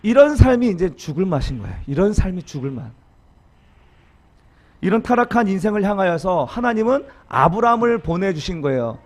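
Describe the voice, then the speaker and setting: A middle-aged male pastor preaches with a high, lively voice that leaps up and drops low. He leads the congregation in call-and-response. His delivery is dramatic and animated throughout. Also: a little fast. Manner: acts out harsh example quotes in dramatic voices. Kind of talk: sermon.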